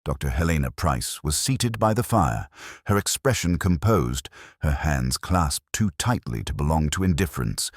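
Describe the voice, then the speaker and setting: A man playing a pensive, melancholy police inspector, narrating a mystery in measured, deliberate literary phrasing. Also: rumbling low, dry recording, studio quality, heavily acted. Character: pensive, melancholy male Oxford police inspector recounting a case. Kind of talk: scripted literary detective narration.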